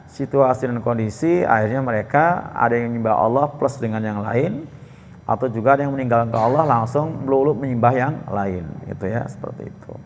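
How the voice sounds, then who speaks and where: A middle-aged man with a rough, gravelly voice teaches a Quran commentary class in a mosque. He explains the Arabic phrase by phrase and keeps turning to his listeners as "Pak". His voice carries a long reverb with faint ambient noise behind it. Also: medium pitch, fairly quick.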